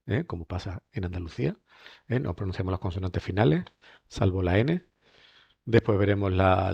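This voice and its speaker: A man's voice: lowish voice, vocal fry, darkish tone, breathy edge, dry recording, lo-fi sound. A man teaching a French lesson in a chatty way, often asking rhetorical questions. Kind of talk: recorded lesson.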